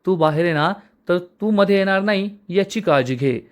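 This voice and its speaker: A man's voice: sits high, moderate pace, natural voice. A man voicing a boastful, scheming male crook in jail while retelling a TV serial episode, in a taunting, mocking manner.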